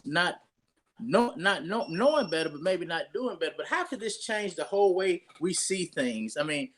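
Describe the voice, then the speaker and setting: A man's voice: sits high, animated, moderate pace, a bit bright, a little hiss or hum. A pastor, talking casually and rambling through his introduction of a guest with many restarts.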